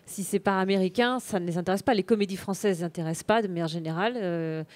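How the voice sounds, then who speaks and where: A woman's voice: lowish voice, fast talker, darkish tone. A woman speaking spontaneously as a panelist, rephrasing as she builds her point.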